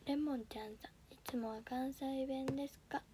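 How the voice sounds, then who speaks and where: A teenage girl auditioning as a livestreamer chats politely on a phone-camera stream, reading viewer comments in a Kansai Japanese accent. Her fairly high voice is mellow and dark, steady in tone and moderate in pace, and she speaks softly, often slipping into a half-whisper. A faint hiss lies beneath her voice.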